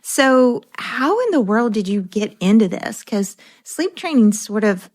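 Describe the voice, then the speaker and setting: A woman's voice: a little high, expressive, unhurried, a little mellow. A middle-aged woman hosting a parenting podcast interview, chatty and affirming with her guest. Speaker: podcast host.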